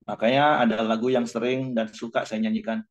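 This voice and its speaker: A man's voice: mid-range voice, little pitch movement, brisk. A male pastor preaching to his congregation in a conversational, informal way. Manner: conversational preaching, informal asides, sings a worship line. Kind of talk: sermon.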